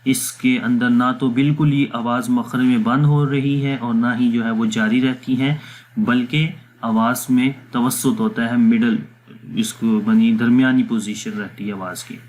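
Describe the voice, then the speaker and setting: Man, Quran reading teacher, calm explanatory voice-over, step-by-step, mid pitch. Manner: patient step-by-step explaining, mixes English words, pauses with fillers; slow drawn-out demonstration syllables. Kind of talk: explanatory lesson with recitation drills.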